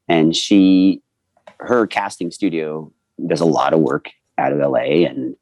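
A man in his forties, a voice actor telling animated anecdotes in a casual interview and acting out the people he quotes. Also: sits low, no echo. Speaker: voice actor guest.

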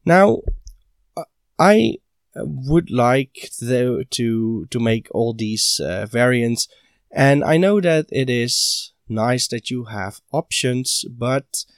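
A man hosting a hobby podcast, talking in a halting way with many fillers and restarts, still short of breath after being ill. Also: medium pitch, no echo, clean studio sound. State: recovering from illness, short of breath. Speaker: podcast host. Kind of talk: casual hobby podcast monologue.

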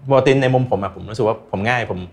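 A man's voice: medium pitch, fast. A man speaking as an interview guest, earnestly sharing personal experience and advice in a casual chat. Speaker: interview guest, recreational runner.

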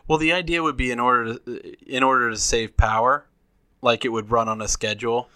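A man co-hosting a podcast in casual chat, rambling and restarting his thoughts as he speculates out loud. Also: mid-range voice, fairly even intonation, a little fast, clear, resonant tone, no echo. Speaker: podcast co-host.

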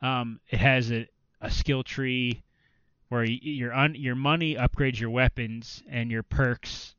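Rambling man with a smooth voice. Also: mid-range voice, fairly even intonation, slow, fairly bright tone, dry recording, lo-fi sound. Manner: rambling, filler-heavy, restarts often. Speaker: podcast co-host. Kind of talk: casual chat about video games.

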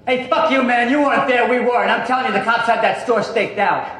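A man playing a jittery, paranoid robber in a crime film, arguing in a fast, whiny way. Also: very high voice, steady tone, a bit bright. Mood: agitated. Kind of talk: 1990s crime film acting. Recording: roomy film sound.

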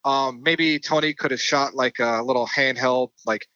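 A man's voice: medium pitch, steady tone, normal speed, pushed and bright, clean tone, no room sound, dull audio. A man co-hosting a podcast, talking through a movie casually with lots of fillers and restarts. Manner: rambling, many fillers and restarts. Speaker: podcast co-host.

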